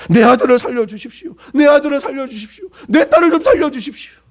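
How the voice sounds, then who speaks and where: High-voiced male pastor preaching dramatically. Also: vocal fry, a little mellow. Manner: preaching with dramatic acted-out pleas and questions. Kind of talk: sermon.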